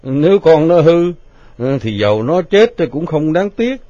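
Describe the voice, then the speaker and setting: Brief: a man playing a strict middle-aged father, lively rising voice, dry dull lo-fi storybook recording. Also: fairly high pitch, a little slow, no room sound. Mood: stern. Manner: stern, then incredulous. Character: stern middle-aged district chief father.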